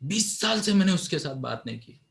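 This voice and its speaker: A man voicing a quick-tempered older woman friend who holds grudges, speaking in a raised, indignant voice. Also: a little high, very animated, creaky, a bit bright, pitched above the performer's own voice, exaggerated voice.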